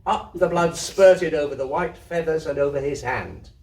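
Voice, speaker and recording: A man with a slightly high, darkish voice narrates a literary story at normal speed, dramatic and descriptive in his delivery. He is a story reader with a theatre troupe, addressing an audience at an indoor community venue. The mic is far away and the room echoes.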